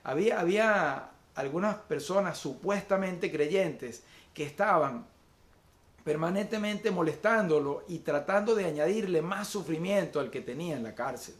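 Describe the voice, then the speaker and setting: A man's voice: fairly high pitch, lively intonation, roomy sound. A man preaching an online Sunday sermon as pastor, often repeating words and using fillers while he searches for the next phrase. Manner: slows to list virtues one by one.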